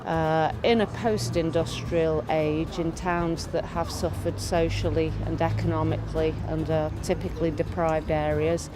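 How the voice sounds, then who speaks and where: A woman gives a considered interview answer in a fairly low voice. Music and outdoor traffic sound clearly behind her. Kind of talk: considered vox pop interview.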